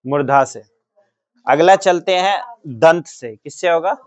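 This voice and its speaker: A man's voice: a little high, measured pace. A male teacher giving a grammar lesson to a class, drilling the students with the same question again and again and giving the answers himself. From Bihar, India. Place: coaching classroom.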